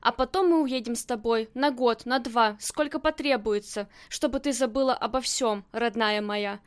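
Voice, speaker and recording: A woman's voice: fairly high pitch, moderate pace, natural voice. Woman reading as a devoted, bossy husband. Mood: tender. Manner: tender, then gruff and commanding. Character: adoring husband, gangland boss's man.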